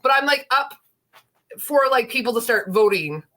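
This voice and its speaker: Hosting a laid-back livestream chat, this late-thirties woman speaks at a moderate pace in a slightly high, animated, somewhat bright voice. A lingering illness leaves her stuffy and congested, and she wanders chattily from thought to thought, full of fillers.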